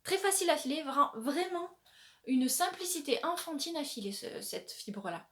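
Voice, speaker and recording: A woman hosting a knitting podcast, chatting casually with many pauses and restarts as she shows her yarn. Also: sits high, big pitch swings, fairly bright tone. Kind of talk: casual show-and-tell chat.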